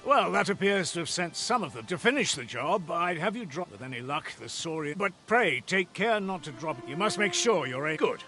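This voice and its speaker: A man's voice: fairly high pitch, big pitch swings, a little fast, hardly any pauses, sharp tone, faint music behind, heavily acted. A man voicing a purposeful fantasy game villager, asking for help in formal, archaic phrases. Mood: purposeful, persuasive. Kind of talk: video game voice acting.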